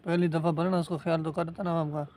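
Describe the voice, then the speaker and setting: A man's voice: fairly high pitch, little pitch movement, fast talker, a little mellow. A man casually questioning an older man about his election, asking follow-up after follow-up. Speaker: interviewer.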